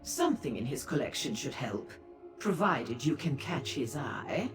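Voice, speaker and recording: An actress playing a flirtatious, theatrical madam of a pleasure house in a fantasy video game, gushing coyly with drawn-out endearments. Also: female voice, very deep voice, big pitch swings, exaggerated voice. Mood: coy, effusive. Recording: roomy echo with music behind.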